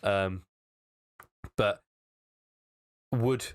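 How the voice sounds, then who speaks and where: A chatty man talking loosely on a podcast, his voice sitting a bit low. He wanders through his thoughts and laughs often along the way. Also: drawn-out words. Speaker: podcast co-host. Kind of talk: casual chat.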